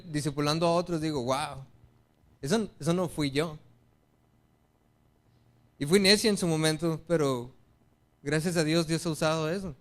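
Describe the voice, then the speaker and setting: A man's voice: fairly high pitch, fairly bright tone. A man with a Mexican Spanish accent preaching a sermon in church, appealing earnestly to the congregation and acting out excuses as quoted dialogue.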